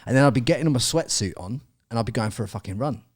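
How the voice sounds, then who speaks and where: A man's voice: medium pitch, lively intonation, racing, slightly rough, dry recording, studio quality. A man telling a story as a podcast guest, swearing, laughing often and quoting himself. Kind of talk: casual storytelling.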